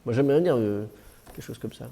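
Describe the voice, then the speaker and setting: A man's voice: mid-range voice, lively intonation, fast talker, mellow. A man teaching biblical Hebrew to a class, with a conversational, digressive manner and joking asides. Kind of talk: classroom lecture.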